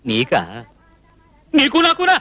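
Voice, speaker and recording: An actor dubbing a film scene, playing a naive, blustering young cook who gets indignant and flustered in a comic way. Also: male voice, very high-pitched, huge pitch swings, takes it slowly, pushed and bright, no room sound, heavily acted. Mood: scolding. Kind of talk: dubbed film dialogue.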